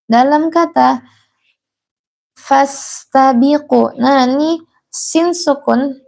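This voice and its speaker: A woman teaching Quran recitation in a live class, chanting verses slowly and then explaining patiently, repeating the mistakes to avoid. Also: sits high, gravelly, a little mellow.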